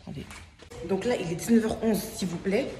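A woman's voice: mid-range voice, brisk, mellow, slight background noise. A young woman chatting to her phone camera in a rambling vlog, full of fillers. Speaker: vlogger. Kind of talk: casual chat to camera. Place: at home, late at night.

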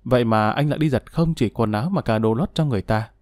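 A man's voice: mid-range voice, fast talker, a little mellow, no room sound, clean studio sound, close to an everyday voice. A man playing a condemned male murderer who talks in a gloomy, self-pitying way. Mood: remorseful.

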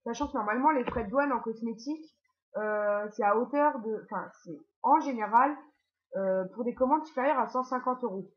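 A woman's voice: on the high side, moderate pace, highs cut off. A woman hosting a casual tutorial, chatty and full of fillers and asides. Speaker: YouTube tutorial host. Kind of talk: casual screen-walkthrough tutorial.

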